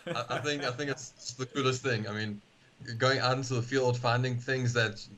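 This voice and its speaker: A man chats eagerly as a guest on a game stream, often restarting mid-sentence in his excitement. His voice sits at a middle pitch, and he sounds like he is on a call mic. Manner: enthusiastic, halting with many restarts. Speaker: paleontologist guest. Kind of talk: casual chat on a game stream.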